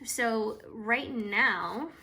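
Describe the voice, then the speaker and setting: A woman vlogger talking casually through her cash budget, a bit hoarse and chatty, with frequent hesitations. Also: fairly high pitch, very slow, bright, forceful tone, slight background noise. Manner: chatty and hesitant, with frequent ums and trailing asides.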